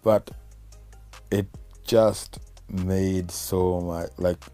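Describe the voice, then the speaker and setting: A man's voice: deep voice, flat delivery, very slow, dark tone, faint music behind. A man with a Kenyan accent talking casually and reflectively as a guest musician in an interview.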